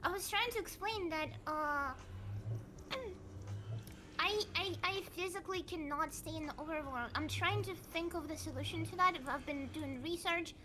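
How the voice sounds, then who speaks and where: Woman roleplayer, very high voice, halting stammer, audible noise behind. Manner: stammering, repeats words, breaks into laughter. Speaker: roleplay character player. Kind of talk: in-character game roleplay.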